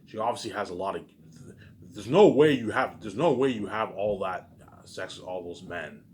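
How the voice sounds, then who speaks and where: A vlogger with a low, expressive, slightly mellow voice rambles casually and repetitively to his audience at a moderate pace. He swears often, and his emphatic bursts trail off into muttered tags. The background is clearly noisy.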